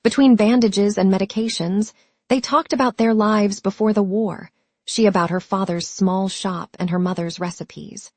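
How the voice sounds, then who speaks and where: A woman storyteller reading a dramatic tale in a calm, measured way, at a middle pitch for a woman. The recording is dry and close, with no room sound. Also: no echo. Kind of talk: scripted narration.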